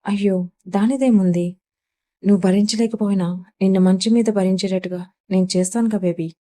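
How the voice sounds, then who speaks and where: A woman's voice: mid-range voice, steady tone, brisk, warm tone, natural voice. A woman voicing a cruel young husband in an audio story, speaking in a mocking tone through gritted teeth. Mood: menacing.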